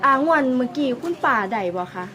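A woman's voice: high voice, lively intonation, a little fast, crowd noise. Polite Isan woman hosting outdoors. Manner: polite, repeats "na kha" often. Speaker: host of a lottery-dream channel. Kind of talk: casual field interview.

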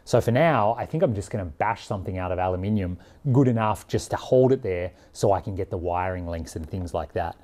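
This man's voice sits low and darkish, brisk and lively, with hardly any pauses. He's a forty-something Australian vlogger and overland traveller, plain-spoken and frank as he explains things from a workshop garage and while seated in a vehicle.

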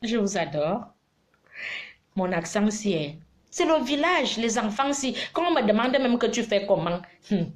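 A middle-aged woman, giving casual advice on a live stream in an animated, preachy but teasing way. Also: medium pitch, unhurried. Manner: animated, preachy and teasing, mixing scolding with affection.

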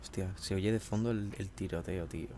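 A deep, mellow voice with a steady tone belongs to a game commentator recording at home in a room. He has a cold and a slightly hoarse throat, and he talks fairly quickly, chatting casually and swearing. A faint hiss or hum runs underneath.

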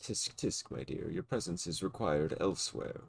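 A man voicing a smug, sinister male villain with a slow, mocking drawl. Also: low voice, lively intonation, vocal fry, pitched below the performer's own voice, heavily acted. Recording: loud game music behind.

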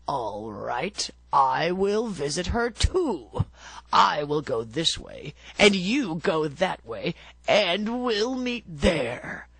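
A woman voicing a sly, scheming male wolf in a read-aloud fairy tale, with a husky voice and a slow, crafty delivery. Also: lowish voice, very animated, fairly bright tone, dry recording, heavily acted.

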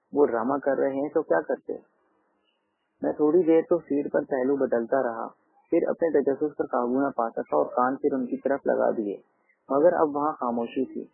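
A man reading a first-person novel aloud in a measured, steady way. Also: mid-range voice, gravelly, slightly rough, no room sound. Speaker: audiobook narrator. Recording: tinny phone-like dry sound.

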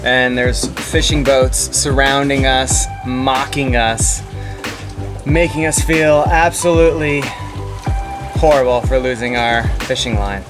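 A man's voice: mid-range voice, steady tone, takes it slowly, over music. A man in his thirties chatting playfully as a sailing vlogger on a boat. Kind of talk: casual chat. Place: outdoors on a sailboat.

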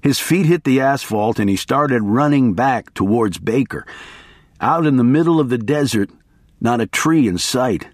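Lively male audiobook narrator. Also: medium pitch, moderate pace, no room sound, studio quality. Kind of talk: first-person audiobook narration.

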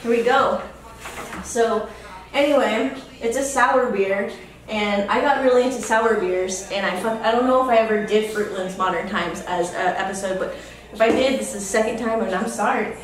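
Recorded from a distance in an echoey room, a woman in her thirties with a mid-range voice talks at a moderate pace. She hosts a casual beer vlog at home, chatting, rambling, swearing freely and letting out loud whoops.

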